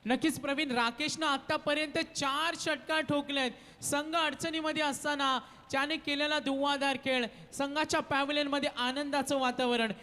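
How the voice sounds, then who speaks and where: A male cricket commentator with a high voice. He calls the play and the score through a long reverb. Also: flat delivery, moderate pace, pushed and bright, slight background noise.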